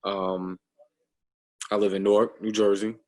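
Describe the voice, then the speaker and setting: An American man in his thirties joins a video call as a casual guest, speaking in a low, even voice with little rise or fall. He hesitates a lot, pausing often with frequent ums and restarts. The recording quality is rough.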